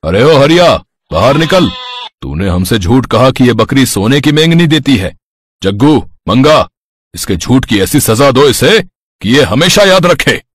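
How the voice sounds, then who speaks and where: A man's voice: mid-range voice, sing-song, unhurried, breathy edge. A man playing a bullying village strongman. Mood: menacing. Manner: bossy, threatening, barking orders. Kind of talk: cartoon voice acting.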